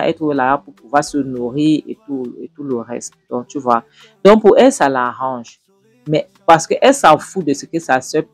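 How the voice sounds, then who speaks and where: A man retelling a drama series scene by scene and then commenting on it, speaking straight to his viewers in a lively storytelling way. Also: on the high side, dry recording. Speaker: series reviewer.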